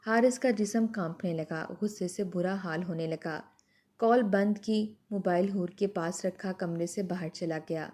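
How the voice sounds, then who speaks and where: Mellow-voiced woman telling a moral story. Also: lowish voice. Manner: dramatic, emotional storytelling. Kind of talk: scripted narration of an emotional moral story.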